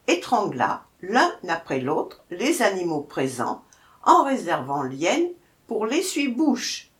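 A woman narrating a folk tale slowly and deliberately, with lively, wide swings of pitch. Her reading is expressive and measured, like a storybook read aloud.

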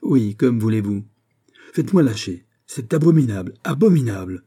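A man reading an audiobook, voicing a furious bearded Russian policeman who shouts and repeats himself. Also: medium pitch, moderate pace, slightly rough, close to an everyday voice. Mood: furious shouting. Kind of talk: audiobook character voice.

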